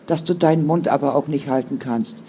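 A man's voice: a little high, a little fast, mellow, slight background noise, lightly acted. A man voicing a firm, caring older sister who speaks in an earnest, sometimes stern way. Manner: stern then soothing, earnest.

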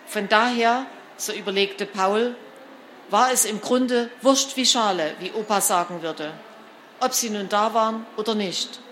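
A woman narrating a children's storybook in an expressive, lively reading style. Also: medium pitch, unhurried, a little hiss or hum. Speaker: storybook reader.

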